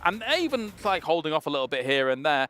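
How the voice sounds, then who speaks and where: A man on an esports analyst desk, weighing positions in a measured, considered way in a broadcast studio. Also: fairly high pitch, animated, fairly bright tone, smooth.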